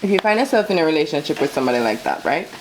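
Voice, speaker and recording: A woman's voice: deep voice, big pitch swings, very fast, background noise. A woman co-hosting a food vlog, talking casually and giving her opinions in a conversational way. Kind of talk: casual relationship chat while cooking. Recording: loud sizzling food close by. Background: frying and sizzling on a grill.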